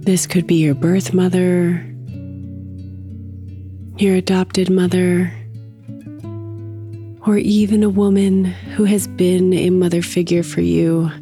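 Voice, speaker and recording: Casting: female meditation host, low-pitched and very unhurried, soft soothing delivery. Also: flat delivery, soft background music. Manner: soft, soothing, with long pauses. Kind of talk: guided meditation narration.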